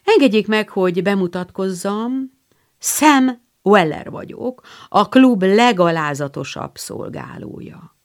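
Egy nő egy kamaszfiút szólaltat meg, aki tréfásan, fennkölten és színpadiasan mutatkozik be egy klubban. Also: female voice, mid-range voice, lively intonation, natural voice. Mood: mock-formal. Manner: mock-formal, theatrical bowing speech. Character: teenage boy playing a pompous club servant.

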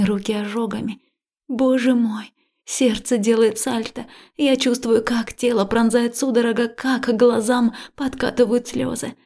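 A woman reads a first-person story in a close, emotional voice that often drops to a breathy whisper. Her tone is husky, with a gravelly fry at the ends of her phrases, and it sits a little higher than average. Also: mellow. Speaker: audiobook narrator. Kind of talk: first-person scripted narration.

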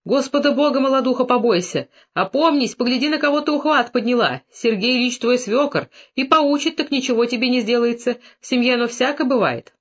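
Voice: mid-range voice, fairly quick, few pauses, pitched above the performer's own voice, lightly acted. A reader voicing a fretful, pious old peasant grandmother who admonishes in a raised, pleading voice, in a slightly muffled audiobook recording. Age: older.

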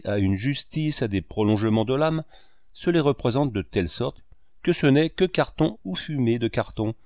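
A man reading an audiobook, voicing a boisterous, sarcastic old man who declaims and breaks into booming laughter. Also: a little mellow, no echo, natural voice. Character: boisterous sarcastic old male painter, mocking.

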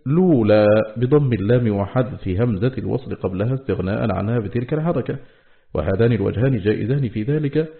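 A man reading a classical scholarly text aloud in a steady, measured way, slowing down on quoted words. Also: mid-range voice, vocal fry. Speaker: audiobook reader. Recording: tinny phone-like audio.

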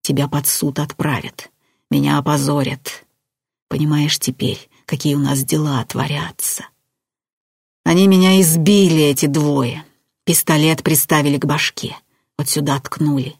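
A woman plays a gruff middle-aged hunter, a father speaking low and close under his breath. The voice sits low and dry, muttering rather than shouting. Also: steady tone, a little slow, no echo, exaggerated voice. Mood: hushed, fearful.

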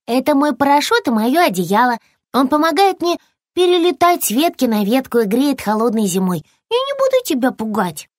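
A woman's voice: sits high, sing-song, normal speed, dry recording, clean studio sound, voice pushed up. A woman voicing a cross little male squirrel in a storybook, with a huffy, indignant manner.

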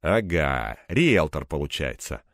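A man's voice: a bass voice, sing-song, slow, fairly bright tone, no echo. A young man narrating an audiobook in first person, in a wry, dry-humored way.

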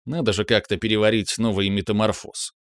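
A young man narrating an audiobook in a wry, measured way. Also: lowish voice, fairly even intonation, no room sound, studio quality. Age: young adult.

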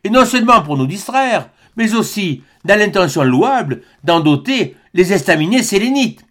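Man voicing a jovial space traveller, high and jaunty, storybook reading. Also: very animated, normal speed, fairly bright tone, full character voice. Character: excited male space traveller, Michel Ardan, jovial and playful. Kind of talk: audiobook reading.

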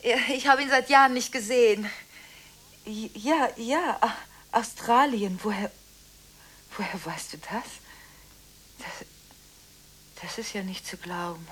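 Chatty but nervous, this radio-drama woman stammers through her phone calls, her voice dropping to whispers and then bursting out loudly. The actress uses a fairly high pitch and a slightly slow pace to play the scattered, jittery character.

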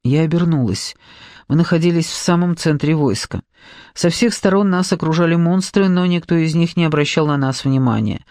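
A man narrating an adventure audiobook in a steady storytelling manner. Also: on the high side, moderate pace, no room sound, clean studio sound. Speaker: audiobook reader. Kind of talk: scripted narration.

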